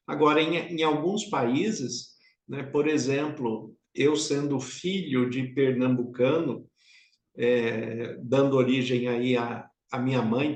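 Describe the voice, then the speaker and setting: A pastor from São Paulo with a São Paulo accent, giving an unhurried, reflective devotional sermon and speaking directly to the listener. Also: male voice, a little high. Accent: São Paulo Portuguese. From São Paulo, Brazil. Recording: roomy echo.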